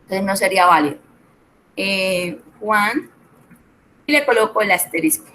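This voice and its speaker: A woman's voice: medium pitch, a little slow, pushed and bright, a little hiss or hum, poor audio. A middle-aged woman, tutoring an online spreadsheet class, explaining step by step and checking in with her students. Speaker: Excel tutor.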